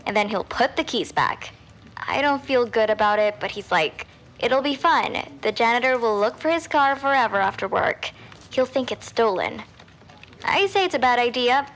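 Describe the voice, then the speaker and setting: A young woman voices a nervous high school girl in a confessional audio drama monologue. Her slightly bright voice carries an uneasy mood as she tells her story casually and hesitantly.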